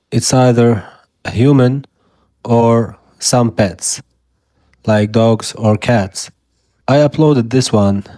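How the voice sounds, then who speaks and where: A tutorial host whose first language is Arabic speaks slowly in a mellow, soft-edged, mid-range voice, explaining each step as he clicks through a screen recording. The sound is dry and close-miked, with no room ambience.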